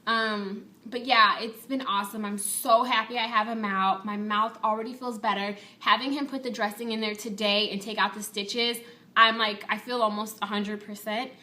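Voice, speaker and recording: A woman's voice: medium pitch, fairly even intonation, normal speed, pushed and bright. A woman vlogger giving a casual, chatty and candid personal update to her viewers.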